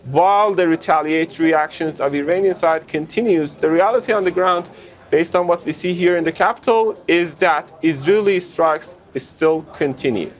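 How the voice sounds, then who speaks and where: A man reporting live as a news correspondent, speaking unscripted in a halting, wordy way and rephrasing as he goes. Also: a little high.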